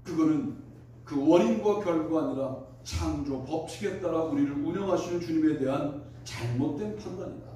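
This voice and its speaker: A man's voice: on the high side, normal speed, dark tone, slight background noise. A male pastor preaching a sermon, throwing out rhetorical questions and answering them himself. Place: church sanctuary. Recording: echoey church hall, from a distance.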